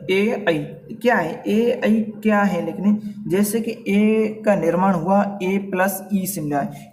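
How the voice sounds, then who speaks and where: A man with a Rajasthani accent teaching a Hindi grammar class, repeating vowel sounds slowly and calling his students "beta". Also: high voice, a little mellow, far from the mic.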